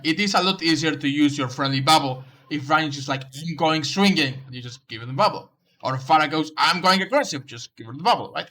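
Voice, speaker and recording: Going over another player's game footage, this man gives casual commentary and direct coaching advice, frequently tripping over his words and starting sentences again. His voice is slightly high with a sharp tone.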